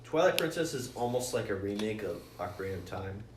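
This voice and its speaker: A podcast co-host with a lowish, expressive voice talks fast, explaining things in a casual, enthusiastic ramble that's geeky and sweary. The room has a noticeable echo and faint noise.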